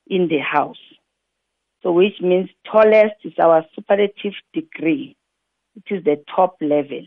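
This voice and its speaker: Woman teacher, patient and methodical, who spells out examples slowly. Lo-fi phone-like sound, dry and close. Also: fairly low pitch, dry recording. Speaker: English teacher. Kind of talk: explaining grammar rules to learners. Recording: tinny phone-like dry recording.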